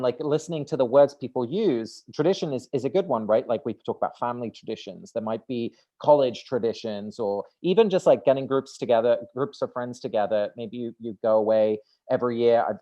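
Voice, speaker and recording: A Dutch man in his thirties, a native speaker from the Netherlands, appears as a guest author in a conversational interview. His medium-pitched voice has a dark tone with the highs cut off. He talks through ideas, often restarting and repeating words.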